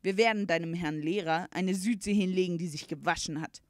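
A booming, playful storybook uncle with an eccentric streak, read by a woman. His lines come loud and hearty in a lowish voice, dry and close. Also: brisk, dry recording, natural voice. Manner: loud and boisterous. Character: jolly, eccentric middle-aged uncle.

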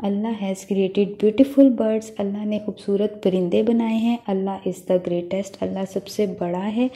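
Slow, dark-voiced woman teacher. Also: medium pitch, fairly even intonation. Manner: reads English slowly, then translates quickly; spells words out letter by letter. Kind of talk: bilingual textbook lesson.

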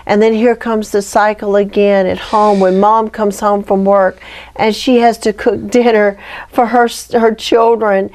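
A woman's voice: mid-range voice, little pitch movement, a little slow, darkish tone. Earnest preacherly woman guest. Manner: earnest, preacherly, rising to pleading near the end. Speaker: guest, ministry founder.

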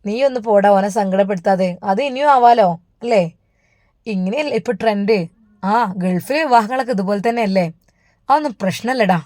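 A woman with a Malappuram accent voicing the groom's cheerful, teasing young friends, brisk and upbeat. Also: mid-range voice, a little mellow, dry recording, studio quality, close to an everyday voice. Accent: Malappuram Malayalam.

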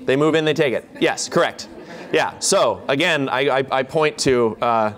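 A man's voice: medium pitch, normal speed, fairly bright tone. A man giving a keynote lecture on a hall stage, chatty and jokey, with many fillers and restarts. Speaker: keynote speaker, instructor.

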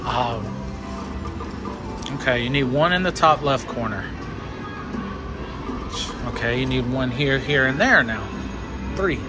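Casual man commentating over loud casino music. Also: mid-range voice, animated, slow, long pauses. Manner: counting along and urging the game on in short bursts. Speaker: slot machine vlogger coaching a friend. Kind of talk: casual live gambling commentary. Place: indoor casino floor at a slot machine. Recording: music playing in a busy casino. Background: loud casino machine music.

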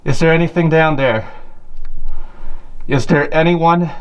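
A man's voice: on the high side, a little slow, smooth, dull audio. A man casually narrating as he explores a cave, talking to viewers with plenty of fillers. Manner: rambling, filler-heavy, talks to viewers directly. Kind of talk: casual walk-and-talk narration. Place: inside a rocky cave.

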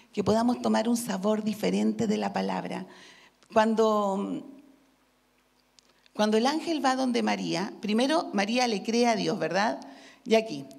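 A woman's voice: a little high, creaky, darkish tone. A woman pastor with a Chilean accent preaching a sermon, asking the congregation questions and acting out the voices of the people in the story. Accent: Chilean Spanish.

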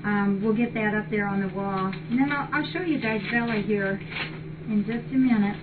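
An older woman with a mid-range voice, talking at a moderate pace, hosts a cat rescue shelter's live webcam stream, reading aloud and chatting with warm appreciation. A distant fixed webcam records her in a big indoor cat room, giving muffled, noisy audio.

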